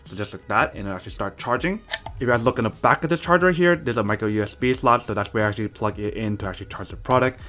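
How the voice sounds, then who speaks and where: A product reviewer unboxes and reviews a gadget casually, talking at a racing pace in a medium-pitched voice with a sharp tone. He's chatty and speaks straight to his audience, repeatedly calling them "you guys."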